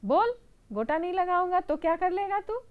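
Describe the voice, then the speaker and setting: A woman voicing a rude male trim seller who talks in a curt, shrill, dismissive way, as in a children's storybook reading. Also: expressive, moderate pace, narrow, tinny audio.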